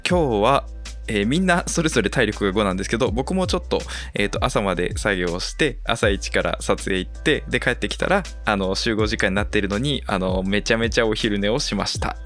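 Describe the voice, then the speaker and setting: Guy co-hosting a laid back radio show, medium pitch, super animated, bit of music behind. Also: brisk. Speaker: co-host of an amateur net radio show. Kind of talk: casual chat.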